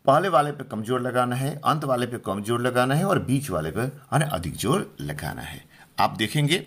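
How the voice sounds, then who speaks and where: Male teacher from India, middle-aged, slow and deliberate, husky tone, lively pitch, patient explanations. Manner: slow, patient, repeats words and asks if clear. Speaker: English teacher. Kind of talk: Hindi-language pronunciation lesson.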